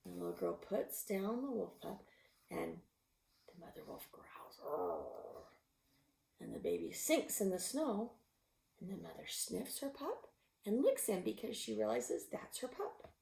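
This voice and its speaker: Woman, storybook read-aloud, lively rising and falling pitch, drops to whispers, echoey room. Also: normal speed, vocal fry. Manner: expressive, with gasps and animal sounds; drops to a whisper at tense moments. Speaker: picture book reader. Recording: roomy echo.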